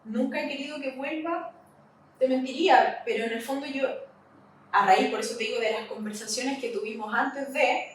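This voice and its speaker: A woman with a Chilean accent, a podcast guest recounting a personal loss, halting and repeating herself. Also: high voice. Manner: halting, repeats herself, voice rises in retold questions. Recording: echoey room, mic at a distance, faint hiss.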